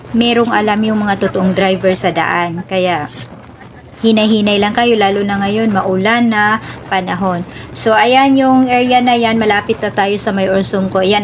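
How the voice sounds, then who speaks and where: A woman's voice: medium pitch, slight background noise. Chatty Visayan woman vlogging from a motorbike. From Visayas, Philippines. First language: Cebuano (Bisaya). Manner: chatty, rambling, gives road-safety advice. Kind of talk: casual travel vlog narration. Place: riding pillion on a motorbike outdoors.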